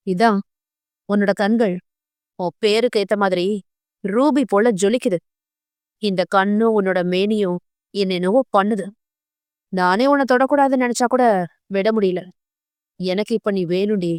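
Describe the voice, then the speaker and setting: A woman voicing a domineering young husband with a low, pressing, rough-tongued manner. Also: unhurried, long pauses, a little mellow, no room sound, studio quality, close to an everyday voice. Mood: lustful.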